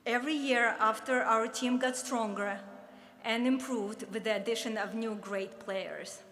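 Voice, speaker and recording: At an awards ceremony in a large, echoey hall with faint ambience, a former player in her fifties from the Soviet Union delivers her induction speech. She speaks unhurriedly in a fairly high, fairly bright voice with a Russian accent, reminiscing earnestly.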